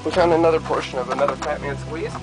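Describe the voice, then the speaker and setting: A man's voice: on the high side, steady tone, fast, low-quality recording. Middle-aged male vlogger, chatty, outdoors in wind, handheld camera, music behind. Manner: chatty, talking while hiking and filming. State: a little out of breath. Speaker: travel vlogger. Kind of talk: casual travel vlog. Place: outdoors among rocks, wind. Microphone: handheld camera mic.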